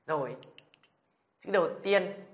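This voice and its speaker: A man's voice: high-pitched, slow. A man teaching a beginner language lesson who keeps asking his viewers whether they follow, then drills the sounds aloud with energy. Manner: patient, checks in with the viewers after every point.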